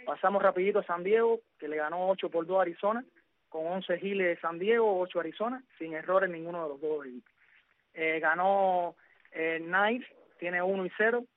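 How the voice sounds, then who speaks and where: A man's voice: sits high, moderate pace. A man hosting on sports radio, going methodically through baseball results with frequent "eh" fillers. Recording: dry, phone-like narrow sound.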